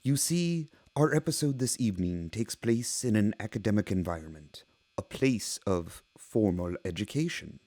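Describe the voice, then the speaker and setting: A man playing a genteel horror anthology host, narrating scripted tales in a measured, theatrical, vintage style. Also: fairly low pitch, lively intonation, darkish tone, no echo, close to an everyday voice. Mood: storytelling.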